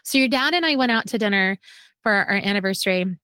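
A woman's voice: medium pitch, expressive, fast, sharp tone, clean tone, no room sound. A homeschooling mother in her forties chatting casually, talkative and self-deprecating, laughing at herself. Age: 40s. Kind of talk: casual podcast chat.

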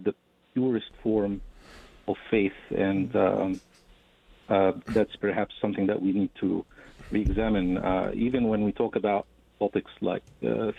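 A man speaking as a guest scholar on a call-in show, halting, with many fillers and repeated words. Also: on the low side, vocal fry. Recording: tinny phone line, dry.

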